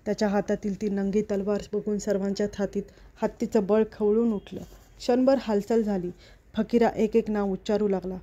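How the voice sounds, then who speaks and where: A woman storyteller reading a novel aloud in a steady, expressive literary narration. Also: mid-range voice, moderate pace. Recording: dull lo-fi recording.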